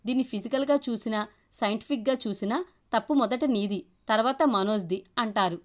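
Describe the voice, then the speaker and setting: A woman's voice: fairly high pitch, brisk, close to an everyday voice. Woman doing a smug teasing young guy, long taunting rants, storybook reading. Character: cocky young man, teasing and manipulative.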